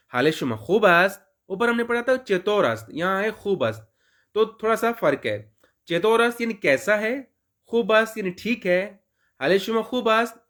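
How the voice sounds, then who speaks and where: A man's voice: high-pitched, fairly bright tone. A man from Pakistan teaching a Persian language lesson, explaining patiently and repeating and stretching out words for his students.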